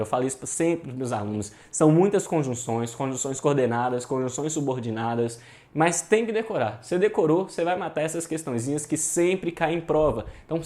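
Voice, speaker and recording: Brazilian male teacher, slightly high voice, casual and forceful, exam-prep lecture. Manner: informal and emphatic, with slang and swearing; drills points by repeating them.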